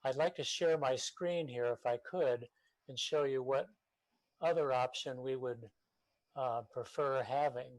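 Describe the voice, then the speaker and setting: Man, remote public comment, halting speech, dry close sound, mid pitch. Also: dry recording, low-quality recording. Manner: halting, many fillers and restarts. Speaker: public commenter for a neighborhood association. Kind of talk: public comment at a city meeting. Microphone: remote call-in.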